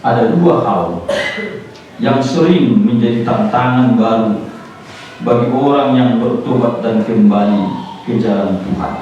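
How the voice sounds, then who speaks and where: A man preaching a sermon, rising in emphasis and slowing down on key words, sometimes slipping in English phrases. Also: medium pitch, warm tone, heavy reverb, recorded from a distance, muffled recording, a little hiss or hum. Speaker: pastor. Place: church sanctuary.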